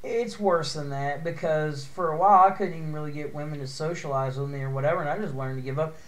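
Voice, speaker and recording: A man's voice: a little high, quick pace, reverberant. A man in his thirties in casual chat, blunt and complaining, with frequent swearing. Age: 30s.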